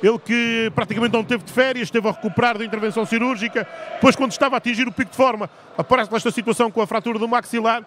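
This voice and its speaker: A man doing live rink hockey play-by-play in short, measured phrases with pauses. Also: very high-pitched, fairly even intonation, fairly bright tone, slight background noise. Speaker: main play-by-play commentator.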